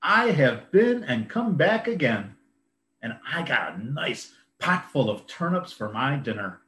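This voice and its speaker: A man voicing a small, stubborn young male pig in a children's storybook reading, with high, emphatic refusals. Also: very animated, a little slow, fairly bright tone. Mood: plucky. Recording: roomy echo.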